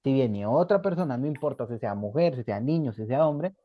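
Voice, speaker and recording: A man's voice: medium pitch, lively intonation, a little fast, dry recording, muffled recording. A man teaching a beginner English class online in Spanish, patiently repeating examples and checking in with the students.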